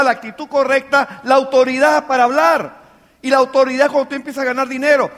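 In a live hall with long reverb, a business mentor speaks to his team in an extremely high, somewhat bright voice. He pushes his motivational message emphatically, firing one rhetorical question after another.

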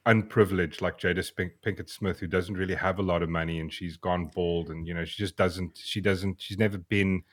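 A man co-hosting a podcast, chatting casually with sarcasm, frequent laughs and halting restarts. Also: low-pitched, fairly even intonation. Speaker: podcast co-host.

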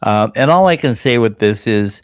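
A man co-hosting a hockey talk show, chatting in a relaxed way with lots of fillers. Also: lowish voice, moderate pace, clean tone, dry recording. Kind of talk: casual sports chat.

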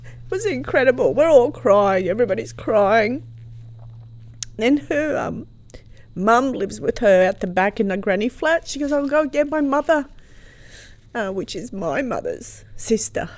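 A woman's voice: a little high, a little slow. Australian woman telling a personal story. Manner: animated, warm storyteller with frequent laughs. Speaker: guest.

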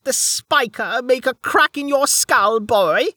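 A man voicing an ancient, withered old woman who is venomous and scornful, in a high, drawn-out voice. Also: lively intonation, bright, forceful tone, dry recording, clean studio sound, exaggerated voice. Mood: mocking. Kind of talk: audiobook character voice.

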